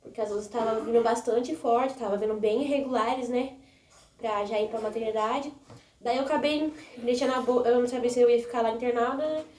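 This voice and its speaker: A woman's voice: fairly high pitch, steady tone, brisk, darkish tone. Rambling young woman vlogger, roomy sound. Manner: rambling, with frequent "né?" and restarts. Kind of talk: casual storytelling to viewers. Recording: echoey room, mic a bit distant.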